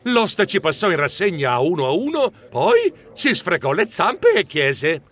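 A man narrating an audiobook in an expressive storytelling manner, stammering when he plays himself jittery. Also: sits high, measured pace.

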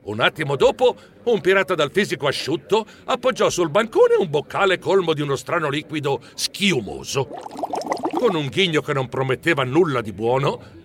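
Expressive male audiobook narrator. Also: on the high side, moderate pace. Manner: expressive storytelling, jittery.

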